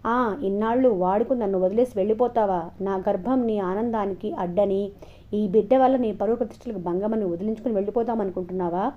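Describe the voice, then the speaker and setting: A woman's voice: mid-range voice, normal speed, close to an everyday voice. A woman voicing a defiant, taunting young woman who argues with her lover, in a dull lo-fi recording. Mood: furious.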